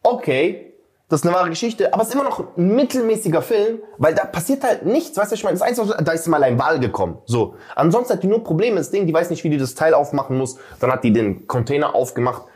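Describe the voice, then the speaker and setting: A man's voice: a little high, lively intonation, quick pace, darkish tone. A man co-hosting a casual podcast chat, ranting heatedly and often calling the others "Bruder". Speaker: podcast co-host.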